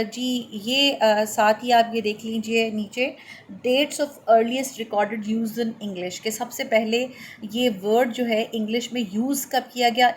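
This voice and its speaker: A middle-aged woman, explaining a lesson in a measured way, with many fillers and English terms. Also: on the high side, slight background noise. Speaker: lecturer. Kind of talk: explanatory lecture.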